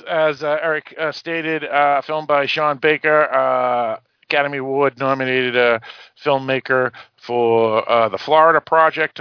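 Halting Boston-accented man hosting a film podcast. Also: mid-range voice, clean tone, dry recording. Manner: halting, hesitant delivery with constant filler sounds. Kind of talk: informal film discussion, semi-prepared introduction. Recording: dull, lo-fi audio.

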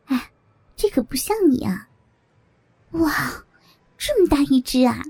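A woman's voice: sits high, animated, moderate pace, creaky, background noise. A woman playing a bold teasing young woman.

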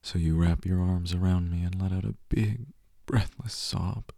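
A man giving soft, hushed, tender second-person roleplay narration, often dropping to a whisper. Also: low-pitched, steady tone, normal speed, creaky, dry recording, studio quality. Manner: tender and reassuring. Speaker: audio roleplay performer.

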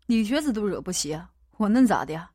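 A woman voicing a gloomy middle-aged male gang boss with a low, blunt and cold manner, as a character in an audiobook. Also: sing-song, brisk, darkish tone, dry recording, studio quality. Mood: grim.

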